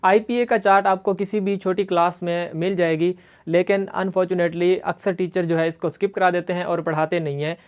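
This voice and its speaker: A woman's voice: lowish voice, steady tone, normal speed, a little mellow, clear, resonant tone. A woman teaching English phonetics, explaining a pronunciation chart patiently and often checking that students follow. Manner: mixes English words into Hindi.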